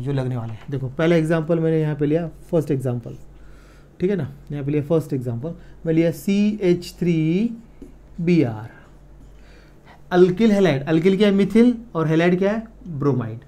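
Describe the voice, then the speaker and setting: A man teaching chemistry in an exam-prep lecture, repeating key slowly and checking in with his students. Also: on the high side, expressive, mellow. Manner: repeats key words slowly, counts aloud, checks in with the listener.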